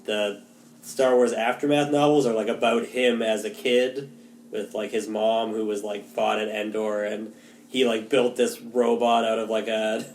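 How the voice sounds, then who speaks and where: A man's voice: fairly low pitch, steady tone, unhurried, echoey room, slight background noise. A man co-hosting a casual film discussion, chatty, with lots of "like" fillers. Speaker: podcast co-host.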